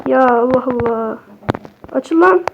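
A young woman, a native Turkish speaker, gives excitable, chatty horror game commentary to her viewers, cursing at the game as she plays. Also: high voice, slow, creaky, lo-fi sound, noisy background. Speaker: gaming streamer.

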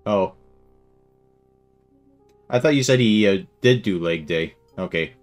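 Low-voiced joking let's play host. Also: male voice, lively intonation, takes it slowly, soft background music. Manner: joking, filler-heavy, laughing often. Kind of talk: casual gaming commentary.

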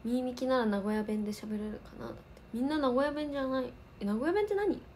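An idol livestream host from Osaka, in her twenties, talks at a quick pace in a high, slightly mellow voice. She chats casually in a light Kansai accent while answering viewer comments, and a little hiss or hum can be heard.

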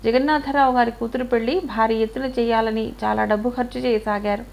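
A woman narrating an audio short story in a calm, even storytelling manner. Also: on the high side, a little fast, creaky.

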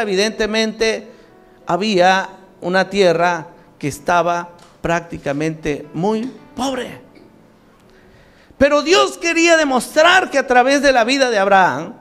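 A man's voice: very high voice, fairly bright tone. A male preacher retelling a Bible story in a sermon, asking the congregation questions and acting out the dialogue, with a Mexican Spanish accent. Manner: asks the congregation questions and repeats the answers; acts out the story's dialogue in quoted voices.

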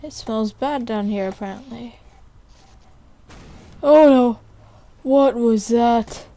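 A young woman commenting on a horror game as she plays, jumpy and sarcastic, thinking out loud. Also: fairly high pitch, slow. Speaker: gamer playing a horror game. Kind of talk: let's play commentary.

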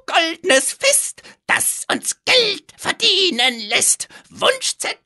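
Ein schriller, theatralischer kleiner Kerl, der in hoher, heller Stimme empört schimpft und spöttisch singt. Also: male voice, sing-song, slow pace, bright, forceful tone, full character voice. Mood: mocking song. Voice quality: shrill, singsong. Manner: indignant, mocking, sings and drawls in a falsetto. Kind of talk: audiobook character voice.

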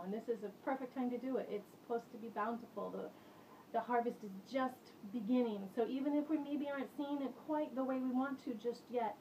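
A woman's voice: a little high, a little mellow. A woman in her forties hosting a casual kitchen vlog, chatting and explaining to the camera as she mixes tea. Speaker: host of a witchcraft kitchen show. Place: home kitchen, indoors. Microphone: camera mic from a few feet away. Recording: slightly distant camera mic with faint room noise.

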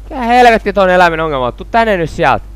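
A man giving excitable let's-play commentary, swearing constantly and yelling at the game. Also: high voice, clear, resonant tone, soft background music. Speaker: gaming video host.

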